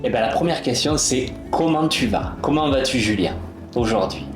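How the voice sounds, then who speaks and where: A man's voice: mid-range voice, animated, normal speed, soft background music. Upbeat male co-host, echoey room. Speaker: co-host, interviewer. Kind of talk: casual interview.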